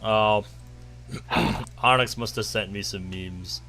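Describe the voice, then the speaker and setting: A man's voice: on the low side, steady tone, slow, sharp tone, soft background music. A young man chatting easygoing and laughing often with a friend while streaming a game. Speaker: co-host. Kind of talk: casual chat while playing.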